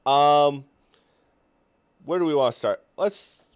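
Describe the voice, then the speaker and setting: A man hosting a casual podcast chat with friends, relaxed and slangy, laughing often. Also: on the high side, slow, clear, resonant tone. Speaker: podcast host.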